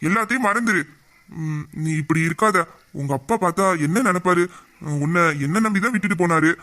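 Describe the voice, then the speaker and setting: A man performs in an audio drama as a young man patiently comforting and reassuring his tearful best friend, in a soothing mood. His voice sits high and is fairly quick, with a bright, forceful tone.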